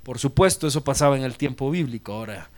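A man's voice: medium pitch, animated, fast talker. A male pastor preaching a sermon emphatically, repeating points and asking rhetorical questions.

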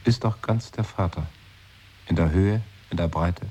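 In a 1980s radio play, an actor with a low, husky, slightly mellow voice plays a brooding man. He speaks unhurriedly and wistfully, musing aloud and often sinking into a whisper.

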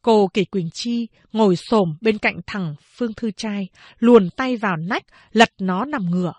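A woman narrating a novel as an audiobook in a lively, expressive reading style, close to the mic. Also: mid-range voice, a little slow, dry recording. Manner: lively, acts out scenes as she reads.

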